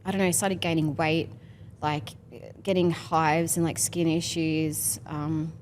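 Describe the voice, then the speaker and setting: A woman's voice: deep voice, level tone, takes it slowly, a little mellow, slight background noise. A woman in her thirties talking candidly as a podcast guest, rambling with many fillers in casual chat. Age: 30s.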